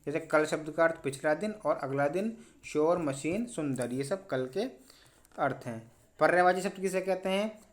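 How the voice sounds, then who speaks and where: Brisk man coaching exam questions. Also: a little high. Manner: brisk, repeats "important" and "ठीक है". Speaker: teacher. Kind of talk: exam revision lesson.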